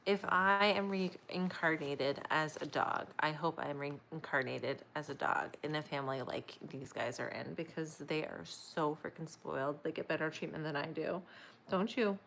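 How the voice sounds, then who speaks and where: A young woman talks casually while crocheting, her voice sitting a little low. She rambles, laughs easily and coos at her dogs. A faint room hum sits beneath her. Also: steady tone, moderate pace, gravelly, few pauses, a bit bright. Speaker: crochet vlogger.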